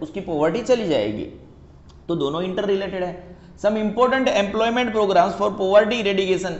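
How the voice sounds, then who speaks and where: Joking around and teasing an imagined student, a male economics tutor delivers a playful classroom lecture sprinkled with English terms. His voice sits high and is a little mellow, captured in an echoey, dull lo-fi room.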